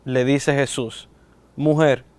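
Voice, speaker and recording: A man reading a Gospel passage aloud in a steady, measured way during a sermon. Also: mid-range voice, smooth, no room sound. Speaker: scripture reader.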